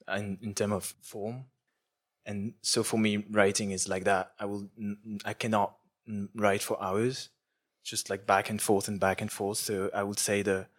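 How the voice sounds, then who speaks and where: A man with a fairly low voice reads his own literary prose in a measured, poetic cadence. When he answers questions afterward, he turns halting and restarts his sentences. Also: fairly bright tone. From France. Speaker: author. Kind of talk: literary reading and interview answers.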